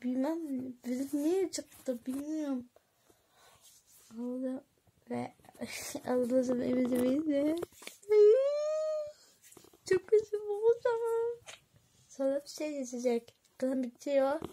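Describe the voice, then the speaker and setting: Slow, husky, excitable woman vlogger. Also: high voice. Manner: chatty and excitable, giggling often. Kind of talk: casual vlog chat to viewers.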